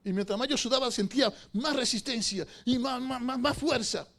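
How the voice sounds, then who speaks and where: A man, a pastor, preaching a sermon in a church sanctuary. He asks the congregation rhetorical questions and swings between hushed storytelling and loud, fervent preaching. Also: very high-pitched, moderate pace.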